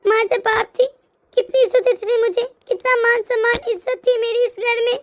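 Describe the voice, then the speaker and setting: A woman voicing a humble, poor woman from a village, meek and soft-spoken. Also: very high voice, little pitch movement, normal speed. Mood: sad. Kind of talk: cartoon voice acting.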